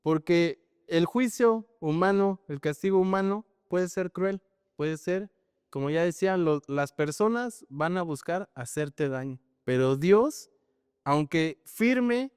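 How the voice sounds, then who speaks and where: A man's voice: on the high side, takes it slowly, clear, resonant tone, dry recording, studio quality, in a large hall. A man preaching a sermon in a conversational, storytelling way, often tagging his sentences with questions. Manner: conversational, frequent tag questions, animated storytelling.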